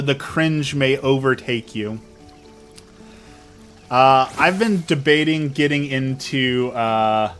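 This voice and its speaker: A young man streaming and chatting casually with his viewers, animated and self-mocking as he tells stories. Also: mid-range voice. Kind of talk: casual chat with live chat.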